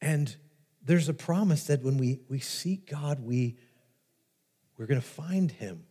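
A pastor preaching a sermon, telling stories with lively restarts and repetitions. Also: male voice, medium pitch, slow pace, husky. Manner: animated storytelling with repeated restarts. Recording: long reverb of a large hall.

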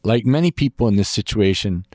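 A man hosting a podcast, giving a calm, measured scripted introduction. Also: lowish voice, no room sound, clean studio sound. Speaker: podcast host. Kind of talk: scripted narration.

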